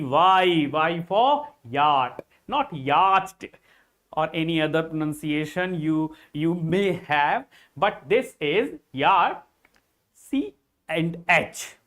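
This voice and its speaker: A man's voice: high-pitched, a bit bright. A man with an Indian English accent teaching an exam-prep English lesson, repeating key points and addressing his students directly.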